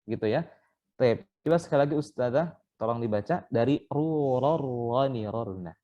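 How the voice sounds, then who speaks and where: A man's voice: medium pitch, moderate pace, highs cut off. A man teaching Quran recitation in an online training session, patiently explaining step by step and sounding out letters as examples. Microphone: online call.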